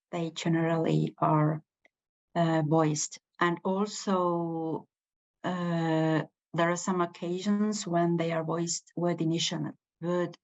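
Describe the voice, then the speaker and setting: Woman, Estonian accent, native Estonian speaker, language lecture, hesitant with fillers, slow delivery, muffled lo-fi recording. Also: sits low, a little mellow. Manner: hesitant, many fillers and restarts. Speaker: language teacher. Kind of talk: unscripted online lecture.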